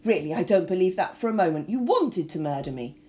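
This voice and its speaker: A woman's voice: lowish voice, lively intonation, brisk, mellow, slight background noise, close to an everyday voice. A woman voicing a haughty aristocratic lady who sounds snappish and indignant. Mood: outraged.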